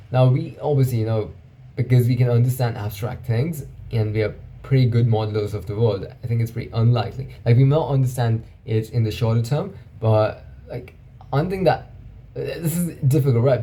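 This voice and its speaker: With a warm, medium-pitched voice, this man muses through his ideas as a vlogger, talking casually and reflectively and tossing in "right?" to check in with viewers.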